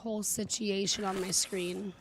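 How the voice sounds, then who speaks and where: A woman's voice: mid-range voice, little pitch movement, normal speed, background noise. A woman giving casual, playful let's-play commentary, reacting aloud and reading out game dialogue. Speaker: game streamer.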